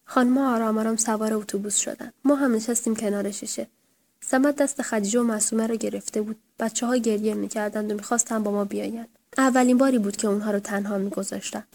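A woman reading a first-person memoir aloud in a calm, steady storytelling manner. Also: medium pitch. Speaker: narrator.

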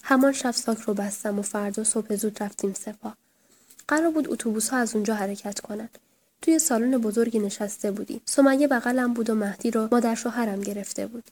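A woman reading a first-person memoir aloud in a calm, steady storytelling manner. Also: on the high side, a little hiss or hum. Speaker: narrator.

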